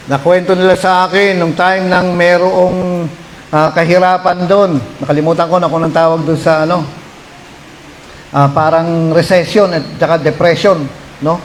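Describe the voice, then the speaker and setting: High-voiced Filipino pastor telling a story. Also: male voice, moderate pace, long pauses, a little hiss or hum, low-quality recording. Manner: animated, rising to shouts when voicing pleas. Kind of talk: storytelling sermon.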